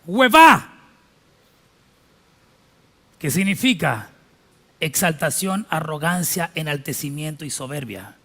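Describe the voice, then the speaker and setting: A middle-aged pastor preaching a sermon emphatically, with slow, drawn-out phrases and spelled-out words. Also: male voice, a little high, lively intonation.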